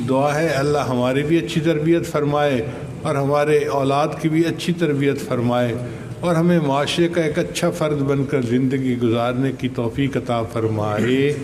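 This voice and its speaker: An older man giving a slow, measured sermon, telling stories and reciting Arabic verses. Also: medium pitch, a little mellow. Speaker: religious scholar. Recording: echoey hall with faint noise.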